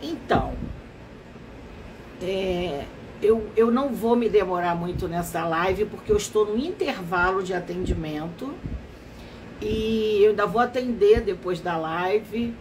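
A woman's voice: mid-range voice, background noise. A woman, a therapist hosting a casual live stream, her voice nasal and stuffy from allergies. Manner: slow, unhurried, explanatory.

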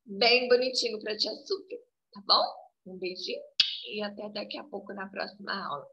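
A woman preschool teacher with a Brazilian Portuguese accent, coaxing little children through a remote lesson in a slow, singsong way and saying "ó" again and again. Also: medium pitch, sharp tone. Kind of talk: remote class for small children. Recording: echoey, dull lo-fi home video.

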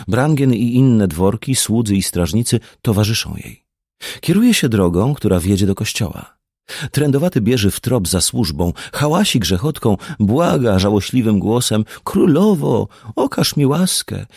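A male audiobook narrator tells an old legend in a low voice with lively, wide intonation. His delivery is measured and expressive. The recording is dry and close, with no room sound. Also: no echo. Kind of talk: scripted narration.

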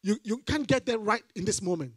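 This middle-aged preacher from Nigeria speaks a little fast in a slightly rough voice that is high for a man, using a handheld mic on a church stage. His sermon is animated, swelling into repeated lines for emphasis. The sound is close and dry, with hardly any room reverb.

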